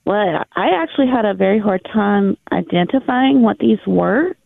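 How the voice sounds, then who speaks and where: A woman's voice: mid-range voice, lively intonation, normal speed, vocal fry, no room sound. A woman calling in to a radio show by telephone, chatting casually over a muffled line. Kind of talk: casual phone chat. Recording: muffled, dry phone line.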